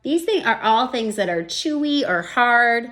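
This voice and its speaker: In a slightly slow, rather high voice, a woman reads a picture book to children with gentle expression. Like a teacher, she stops along the way to voice her thoughts and comment on the story.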